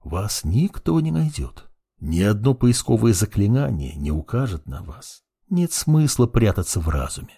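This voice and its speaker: A man voicing a calm, coldly fascinated undead lich. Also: lowish voice, moderate pace, creaky, breathy edge, heavily acted. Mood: menacing. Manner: calm, coolly fascinated, softly menacing. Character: cold, curious undead lich mage, centuries old. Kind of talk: audiobook character reading.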